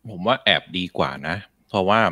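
A man's voice: low voice, a little fast, dry recording, studio quality. A man co-hosting a casual gaming chat, bantering and arguing playfully. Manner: lively, banters and argues playfully.

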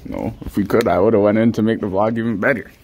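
Fast and fairly even in intonation, a low, darkish male voice narrates a playful school vlog in the hallways indoors, the phone held out at arm's length. The young vlogger laughs often and says things over again.

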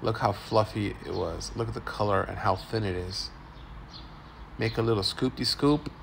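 A man in his forties with a low, gravelly voice gives upbeat walk-and-talk commentary on street food. He films on a phone at arm's length outside among city food stalls. A faint hiss of street noise sits under his talk. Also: normal speed. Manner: upbeat, tour-guide commentary. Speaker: food vlogger.

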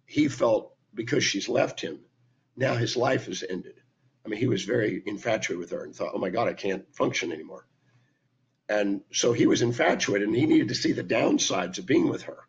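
This older man teaches to his webcam from home, his voice hoarse and raspy because of laryngitis yet lowish, animated, and moderately paced. Emphatic and lecturing, the speaker and teacher lists points with hand gestures. The recording has that dull, lo-fi webcam quality.

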